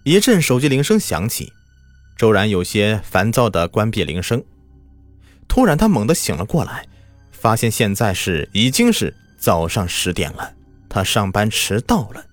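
A man's voice: fairly low pitch, very animated, moderate pace, dry recording. A man telling a scripted horror story in a dramatic style that builds tension, over background music.

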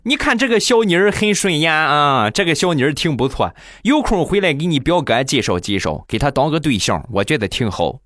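A man's voice: a little high, very animated, brisk, few pauses, a bit bright, no room sound, studio quality, voice pushed up. Man putting on a fussy old grandmother. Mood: approving. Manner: fussy, matchmaking. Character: chatty old grandmother praising a girl.

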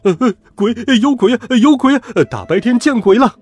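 A man's voice: very high-pitched, expressive, fast talker, voice pushed up, heavily acted. Man doing a hot-tempered bald bully. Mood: panicked. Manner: gruff threats, then panicked yelling.

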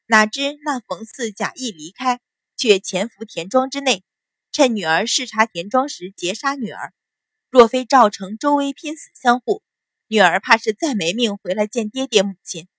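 A woman voicing a calm, sharp-witted young noble daughter who speaks with composed, cool sarcasm. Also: fairly high pitch, moderate pace, no room sound.

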